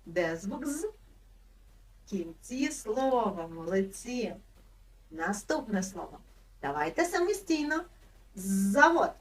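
A woman teacher giving a lesson to young children, slowly drawing out each word and gently encouraging them. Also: mid-range voice, very animated, distant mic, a little hiss or hum, low-quality recording. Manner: slow, drawn-out word sounding for small children.

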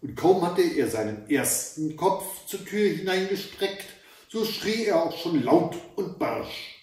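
A man reading a fairy tale aloud as a storyteller, calm and measured. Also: high-pitched. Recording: very echoey room, voice from far off.

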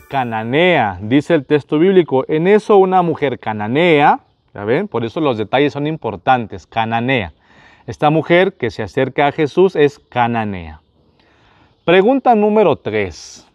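A man's voice: mid-range voice, no echo, muffled recording. A man, a priest, running a Bible quiz for his viewers, asking each question, repeating it, and speaking to them directly.

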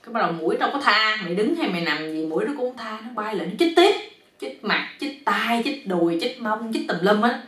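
An animated woman, telling a joke story in a chatty, easygoing way. Her pitch rises and falls in lively swings. The voice is roomy and slightly distant from the mic. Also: fairly quick, soft background music. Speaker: joke storyteller, channel host. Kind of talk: casual comic storytelling.

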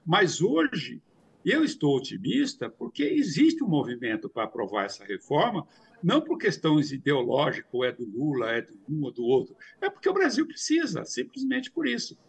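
An older man in his sixties speaks over a video call from a home study lined with bookshelves. His voice is gravelly and somewhat husky. The pitch rises and falls a lot as he explains, and he hesitates often and repeats filler words. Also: wildly swooping pitch, normal speed. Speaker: commentator. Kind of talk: remote news commentary.

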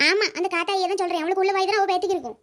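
A woman voicing a sharp-tongued, stubborn old grandmother in a cartoon, with a Kanyakumari Tamil accent and a scolding, mocking way of talking. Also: very high voice, steady tone, very fast, very noisy. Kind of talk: cartoon voice acting.

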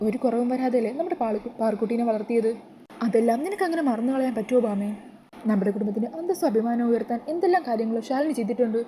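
A woman's voice: a little high, mellow, slight background noise, lightly acted, rough recording. A woman voicing an older family patriarch who pleads earnestly and persuasively.

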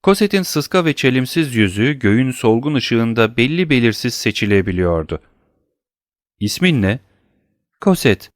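A man reading an audiobook in a steady, even narration. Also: mid-range voice, dry recording, studio quality.

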